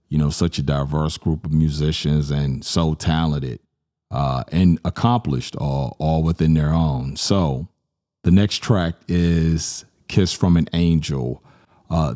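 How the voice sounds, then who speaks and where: Very deep, mellow-voiced male podcast host. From Virginia, US. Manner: relaxed, earnest, many filler sounds. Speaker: podcast host and music producer. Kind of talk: casual podcast talk about his album.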